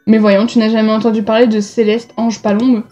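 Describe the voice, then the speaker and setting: A woman's voice: a little high, flat delivery, a little fast, warm tone, muffled recording, soft background music, natural voice. A woman reading a self-assured pop-star coach. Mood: confident. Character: confident young female pop-star singing coach.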